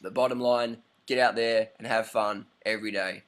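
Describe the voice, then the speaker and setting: A man in his thirties giving blunt, animated advice in a casual to-camera monologue, full of rhetorical questions. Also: lowish voice, normal speed. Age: 30s. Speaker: vlogger. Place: lives in Bangkok.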